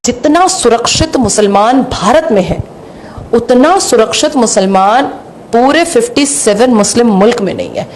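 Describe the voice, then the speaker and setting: A woman's voice: on the high side, lively intonation, unhurried, slight background noise. Emphatic woman with a raised voice. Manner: emphatic, rhetorical repetition. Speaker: commentator.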